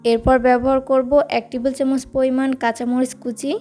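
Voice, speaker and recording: Fast, flat-voiced woman cooking host. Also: sits high, soft background music. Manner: steady instructive step-by-step delivery. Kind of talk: recipe voice-over narration.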